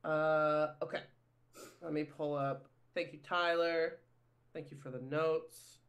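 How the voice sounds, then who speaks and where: A man's voice: fairly high pitch, little pitch movement, slow pace, fairly bright tone. A man hosting a casual sports podcast, chatty and self-deprecating, often saying "if you will". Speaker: podcast host.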